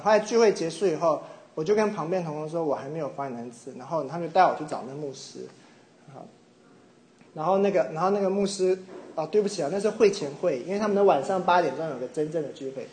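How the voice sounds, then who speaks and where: Fast, high-voiced man preaching in echoey room. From Taiwan. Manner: animated storytelling, mimics others, laughs at memories. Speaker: pastor. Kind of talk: sermon with personal anecdote. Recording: echoey room with faint ambience.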